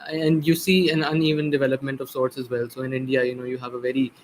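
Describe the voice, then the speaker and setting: Male interviewer on a video call, flat delivery, halting and full of fillers, with audio glitching in and out. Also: medium pitch, slight background noise, rough recording. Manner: halting, many filler sounds. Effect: glitching, cutting-out call audio. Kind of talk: online interview questions.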